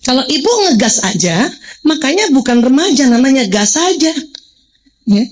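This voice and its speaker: A woman's voice: high-pitched, big pitch swings, moderate pace, low-quality recording. A woman in her forties giving a religious parenting talk to mothers, joking and quizzing the audience. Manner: playful, jokes and quizzes the audience.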